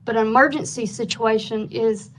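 A woman's voice: fairly high pitch, steady tone, moderate pace, slight background noise, low-quality recording. A woman staff presenter explaining and answering questions at a formal meeting.

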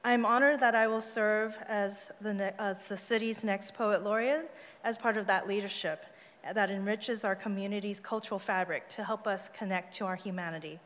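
A woman's voice: mid-range voice, steady tone, normal speed, fairly bright tone. A woman giving a short prepared acceptance speech at a public meeting. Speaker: incoming city poet laureate. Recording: reverberant council chamber.

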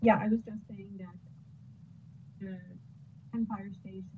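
A woman's voice: mid-range voice, little pitch movement, a little slow. A woman project manager giving a hesitant status report in a meeting, her connection cutting in and out. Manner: hesitant, with many fillers. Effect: bad connection, audio cutting in and out. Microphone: computer mic on a video call. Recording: tinny call audio with faint noise.

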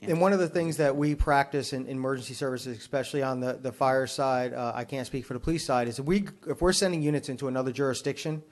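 A fire chief speaks at a public meeting, fielding questions and giving formal, carefully measured explanations. His voice is medium in pitch.

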